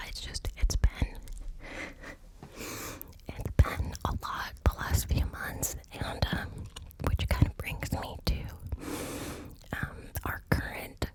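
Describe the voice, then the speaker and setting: A woman whispering into cupped hands close to the mic, ear to ear, in a hesitant, informal ASMR ramble. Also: low-quality recording. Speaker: ASMR content creator. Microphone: close microphone, ear to ear.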